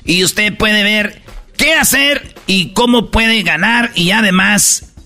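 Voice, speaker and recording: A man hosting a joking radio show, telling slangy stories and pitching a contest in a loud promo style. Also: faint music behind. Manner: rapid slangy storytelling, loud promo delivery.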